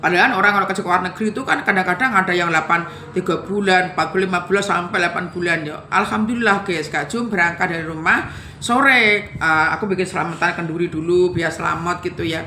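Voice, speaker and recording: A woman's voice: fairly low pitch, fast, bright, forceful tone, reverberant, slight background noise. A middle-aged Javanese woman casually telling her life story to viewers, emotional and chatty, often calling out to her audience. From Java, Indonesia. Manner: conversational, repeats "guys" often, emotional retelling.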